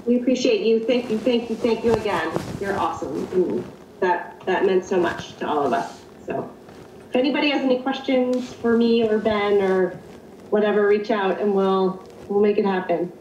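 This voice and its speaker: A woman hosting a video call, thanking the guest warmly and opening it up for questions. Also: medium pitch, moderate pace. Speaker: event host. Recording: echoey distant call audio with noise.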